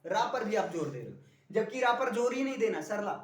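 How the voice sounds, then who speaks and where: A man's voice: sits high, big pitch swings, a little fast, recorded from a distance. Male teacher drilling a class, echoey room. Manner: drills the class with repeated questions. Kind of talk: classroom spelling lesson.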